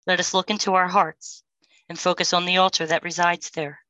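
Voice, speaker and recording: Low, flat, calm woman guiding meditation. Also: no echo, low-quality recording. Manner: slow, soothing, calm instructions with pauses. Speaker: meditation guide.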